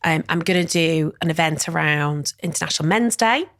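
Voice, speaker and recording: In studio-quality, dry audio, a middle-aged woman speaks fairly quickly in a deep voice as a guest on a casual interview. She directs wellness events and comes across as chatty and warm, using many fillers and "you know."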